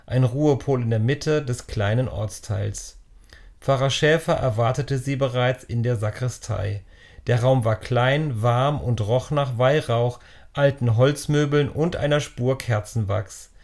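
A man narrating a children's novel as an audiobook, reading in a steady, descriptive storytelling manner. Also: mid-range voice.

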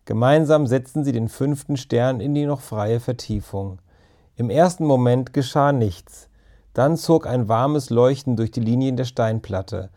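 A man reading a children's story aloud in a calm, even storytelling manner. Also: mid-range voice, measured pace. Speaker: narrator. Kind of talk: audiobook narration.

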